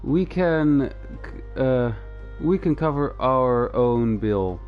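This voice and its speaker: A video game streamer with a medium-pitched voice and lively intonation casually commentates his livestream and reads dialogue aloud, rambling hesitantly with dry humor and drawing out his words. He talks into a close streaming mic, the highs are cut off, and game music plays behind him.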